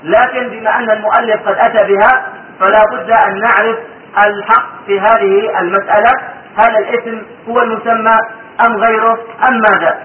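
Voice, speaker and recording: Male teacher, high voice, hesitant and repetitive, quizzing students mid-lesson; distant, roomy, tinny recording. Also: fairly even intonation, a little hiss or hum. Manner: repeats phrases and asks rhetorical questions of the students; hesitant, with frequent drawn-out fillers. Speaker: sheikh teaching a religious text. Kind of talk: classroom lesson explaining a classical text.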